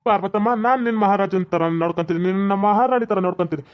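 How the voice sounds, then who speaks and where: A sloppy, sentimental drunk husband, as a woman puts him on in a cartoon, his North Karnataka Kannada accent slurred and boastful. He rattles along at a rapid clip, and the recording sounds dull and lo-fi. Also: medium pitch, voice pushed down, lightly acted. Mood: boastful pleading.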